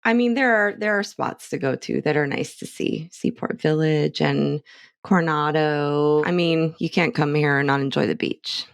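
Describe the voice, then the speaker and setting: A woman's voice: low-pitched, moderate pace, vocal fry, smooth, no echo, studio quality. A middle-aged woman from Hawaii, speaking candidly and chattily as an interview guest. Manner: candid, chatty, self-assured. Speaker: interviewee, clinic staff member. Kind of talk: casual interview.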